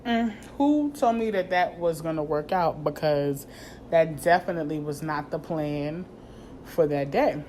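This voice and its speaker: A woman in her thirties telling a casual, profane story in a vlog, animated and slangy, acting out what people said to her. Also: sits low, unhurried, a little hiss or hum. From New York. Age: 30s. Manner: animated, profane, slangy, acts out quoted dialogue. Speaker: vlogger.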